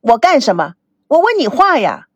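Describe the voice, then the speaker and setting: A woman voicing an angry, jealous young bride-to-be in an audiobook, sharp and accusing. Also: high-pitched, wildly swooping pitch, normal speed, slightly rough, no room sound, exaggerated voice.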